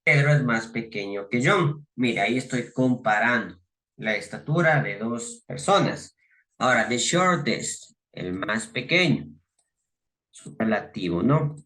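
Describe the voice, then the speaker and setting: Male teacher, unhurried, patiently spelling out rules. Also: medium pitch, animated, fairly bright tone. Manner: slow, methodical, repeats rules step by step. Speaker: English teacher. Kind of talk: slow classroom explanation.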